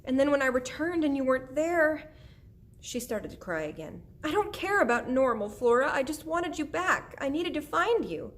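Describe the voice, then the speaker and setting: Frantic, tearful storybook mother, high and pleading, read by a woman. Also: sing-song, moderate pace. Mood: distraught. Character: distraught anxious mother, middle-aged woman.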